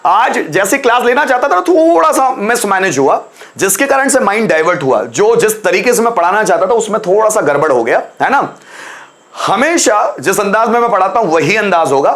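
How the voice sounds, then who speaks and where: A young man with a Hindi accent teaching English in a live online class, coaxing students and repeating examples slowly. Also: high voice, animated, a bit bright.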